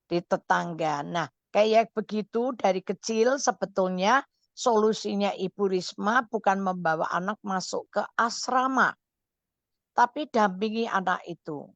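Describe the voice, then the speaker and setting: A woman counselor on a radio call-in show, giving motherly advice in a lively, caring way. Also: medium pitch, unhurried, no echo, muffled recording.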